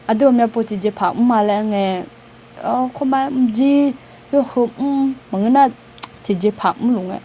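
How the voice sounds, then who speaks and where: A woman gives an informal outreach talk to a gathered group. Her voice is warm and mellow, and her delivery is chatty and unhurried, full of small hesitation sounds and light laughter. Faint ambient noise sits behind her. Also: fairly high pitch. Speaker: outreach speaker.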